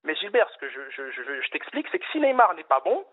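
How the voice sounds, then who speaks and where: Over a tinny telephone line, a male caller to a radio phone-in argues insistently about football in an animated debate. He talks fast in a fairly high voice that swoops wildly in pitch, with many fillers and restarts.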